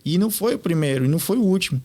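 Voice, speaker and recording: A man, a podcast guest telling stories in an animated way and acting out what others said. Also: high voice, rapid-fire. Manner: animated, quotes others in lively retellings. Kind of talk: casual storytelling interview.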